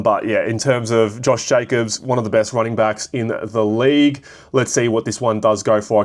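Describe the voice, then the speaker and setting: This Australian man runs a card shop vlog and is doing casual solo commentary, his mid-range voice raspy and hoarse from a cold. He rambles and thinks aloud, leaning heavily on filler words.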